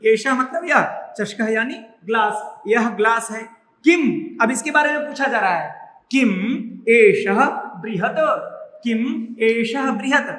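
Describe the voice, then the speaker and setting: A male teacher explains Sanskrit words one by one, repeating them patiently and quizzing his students. His voice is unusually high and bright. It rings around an echoey room with a long reverb tail. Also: expressive. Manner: slow, repetitive, drills each word and asks the class questions. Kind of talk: classroom lesson explaining word meanings.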